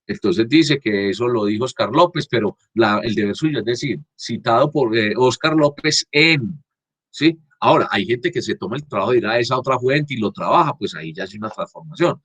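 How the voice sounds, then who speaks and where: Husky-voiced male teacher, dry close computer mic, halting delivery with frequent restarts. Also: on the low side, lively intonation, a bit bright, no room sound. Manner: halting, frequent restarts, checks understanding with "¿cierto?". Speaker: university teacher. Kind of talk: online class lecture. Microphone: computer mic on a video call.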